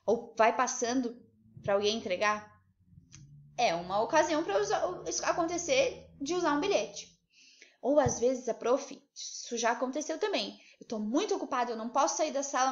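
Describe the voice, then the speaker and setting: A woman teaching a remote class to young children, lively and coaxing, asking many questions. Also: high voice. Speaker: primary school teacher. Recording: slightly dull lo-fi recording.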